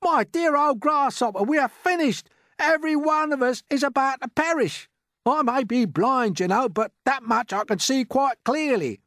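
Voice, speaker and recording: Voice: medium pitch, animated, normal speed, gravelly, hardly any pauses, no room sound, studio quality, pitched above the performer's own voice. A reader doing a gloomy, fretful earthworm. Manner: gloomy, complaining. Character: gloomy blind earthworm, a worrier.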